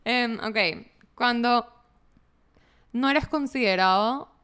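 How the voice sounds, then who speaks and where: A woman, co-hosting a podcast in casual chat and telling stories with lively impressions. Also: a little high, takes it slowly, clean tone. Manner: animated storyteller, mimics others' voices, laughs often. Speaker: podcast co-host.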